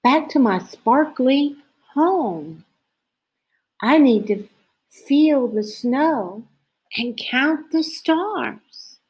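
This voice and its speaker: A sweet little boy owl from a storybook , voiced by a woman, earnest and eager. The voice is high and slow, with gentle excitement. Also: breathy edge, full character voice, rough recording. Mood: excited.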